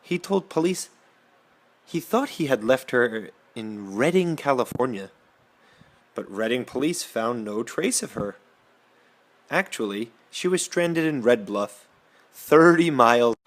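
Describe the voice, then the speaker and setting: Slow, lively-voiced male English teacher. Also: mid-range voice. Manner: slow, carefully spaced teacher delivery. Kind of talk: storytelling lesson for learners.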